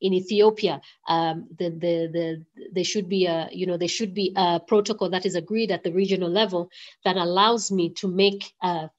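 A woman's voice: lowish voice, steady tone, moderate pace. A woman from Zambia giving an online lecture, hesitant with many fillers and restarts. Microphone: video call. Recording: lo-fi video call audio.

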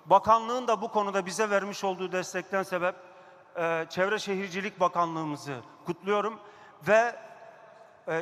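Man at a pulpit microphone, high bright voice. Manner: emphatic, repeats key phrases. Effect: speaking into a pulpit microphone. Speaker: district mayor. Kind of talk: council chamber speech. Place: council chamber. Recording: long hall reverb.

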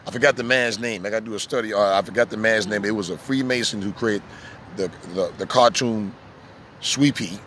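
A man preaching casually outdoors as a street preacher, telling animated stories and acting out little voices. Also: fairly low pitch, a little fast, slight background noise. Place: outdoors in the sun.

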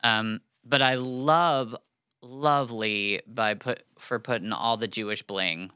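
A man's voice: mid-range voice, slow pace, bright, forceful tone, clear, resonant tone, no echo. A young man co-hosting a podcast, chatting casually about a book with many fillers and restarts, on a studio mic. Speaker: podcast co-host. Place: small studio, seated. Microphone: studio mic on boom arm.

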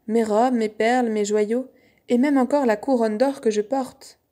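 A spoiled young princess from a fairy tale, talking in a lively, raised voice, played by a woman reading the story. She sounds pampered and a little childish. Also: a little high, measured pace, lightly acted. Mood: pleading.

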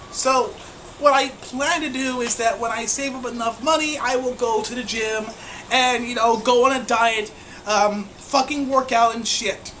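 A woman's voice: sits high, fairly bright tone, slight background noise, rough recording. A woman giving profane, mocking commentary on a video she is reacting to. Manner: crude, profane and scornful.

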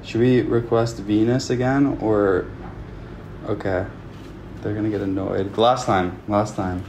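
Speaking at a measured pace in a fairly low, steady, darkish voice, this young adult Canadian livestream host chats with viewers through a phone held out at arm's length in a small room. He's upbeat and talkative, often chattering to himself. A little hiss or hum sits under the audio.

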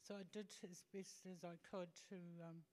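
A woman in her fifties from Tonga, talking as a guest in an on-stage interview, halting and full of fillers, holding a handheld mic. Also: lowish voice, steady tone, darkish tone. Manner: hesitant, halting with many fillers. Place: large hall with stage and audience. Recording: long hall reverb.

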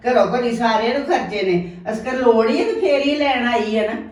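A woman's voice: fairly high pitch, fairly quick, a little mellow, natural voice. A woman playing a firm, scolding mother, echoey. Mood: admonishing. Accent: Punjabi. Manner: firm, admonishing, matronly. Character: mother settling a quarrel between her daughter and daughter-in-law, firm. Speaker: actor in a family drama. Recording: very echoey room, mic at a distance.

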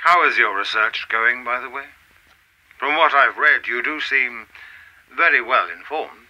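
In a radio play, a male actor portrays a mysterious official who is coolly menacing, with a formal, measured and insinuating manner. His medium-pitched voice is expressive, bright and forceful, though the audio quality is poor.

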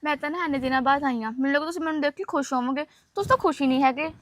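A young woman playing a caring college student who calms her friend and coaxes an elder politely. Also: sits high, very fast, lightly acted. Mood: coaxing. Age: young adult. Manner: soothing, coaxing. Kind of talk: film acting.

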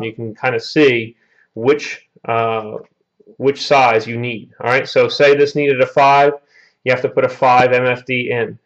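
A man's voice: medium pitch, dull audio. A man, an HVAC technician, walking through a repair step by step at a workshop bench, often checking in with "all right?" and "okay?". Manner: explanatory, peppers lines with "all right?" and "okay?". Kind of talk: hands-on repair tutorial.

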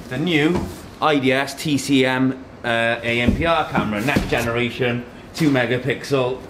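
A man in his thirties with a mid-pitched voice hosts a casual tech unboxing in an indoor office meeting room. He speaks in short phrases while handling boxes and products, and the echoey room carries clear noise and clicks behind him.

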